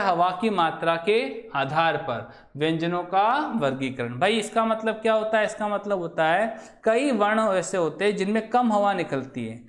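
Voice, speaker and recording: A male teacher giving a Hindi grammar lecture in a classroom, asking the class questions and answering them himself. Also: high voice. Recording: echoey room.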